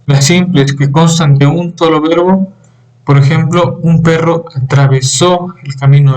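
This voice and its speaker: Young male student, slightly higher voice, halting class presentation with fillers. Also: a little mellow, rough recording. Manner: halting, with fillers and throat clearing.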